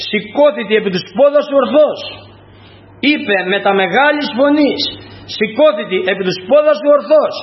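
A man preaching to his congregation, reading scripture solemnly and then expounding it with emphatic rises. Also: high-pitched. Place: church. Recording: echoey, dull lo-fi church recording.

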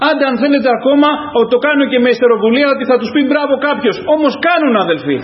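A pastor with a very high-pitched, animated voice preaches a fervent sermon, calling out to the congregation again and again. The church recording is echoey, dull and lo-fi.

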